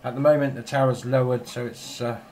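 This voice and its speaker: An amateur radio operator who makes videos chats casually and rambles while filming in his home shack. His mid-range voice is flat, brisk and mellow, with slight background noise.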